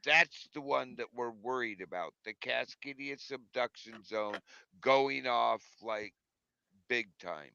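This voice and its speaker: Gravelly, crisp-voiced man explaining casually. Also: medium pitch, slow pace, sharp tone, no echo. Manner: explains at length, emphatic. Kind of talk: casual group chat. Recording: dull lo-fi sound.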